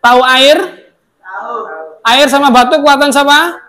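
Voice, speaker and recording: A middle-aged male teacher giving a classroom lecture. He swings between loud outbursts and soft asides and acts out quoted remarks in sharp voices. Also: very high voice, normal speed.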